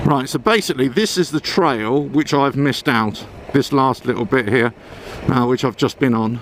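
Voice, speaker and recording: A man's voice: mid-range voice, moderate pace. A man giving casual, rambling commentary while riding a motorbike outdoors, speaking from inside a helmet. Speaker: motorbike vlogger. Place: outdoors on a motorbike on a country trail. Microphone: helmet-mounted mic. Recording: engine and wind noise outdoors.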